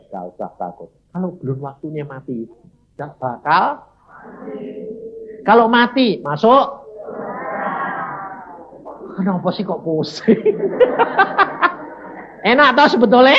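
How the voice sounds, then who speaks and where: An older man from Indonesia preaching a sermon, telling stories and shouting out acted quotes. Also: on the high side, muffled recording, slight background noise. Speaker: pastor. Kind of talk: sermon with storytelling.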